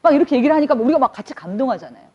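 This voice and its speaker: Animated woman lecturing, husky voice. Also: high-pitched, very fast. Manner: lively, conversational, acts out quotes. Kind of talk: public lecture. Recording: dull lo-fi recording.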